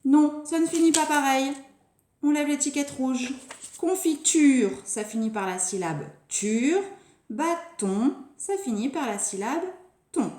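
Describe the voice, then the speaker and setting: A woman teaching a phonics lesson to young children, speaking slowly and deliberately and stretching out key words. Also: high-pitched, darkish tone. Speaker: preschool teacher. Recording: echoey room.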